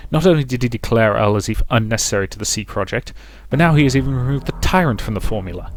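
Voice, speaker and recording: A man voicing a scheming villain officer, grave, formal and measured, full of suspicion. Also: medium pitch, expressive, natural voice. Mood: suspicious, insistent.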